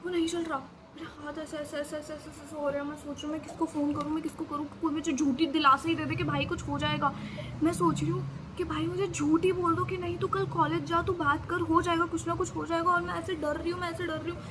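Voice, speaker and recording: A woman's voice: very high-pitched, little pitch movement, quick pace, background noise. A young woman vlogger telling a panicked personal story in casual chat, acting out her own lines dramatically. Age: young adult. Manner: dramatic, re-enacts panicked dialogue. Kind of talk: storytelling vlog.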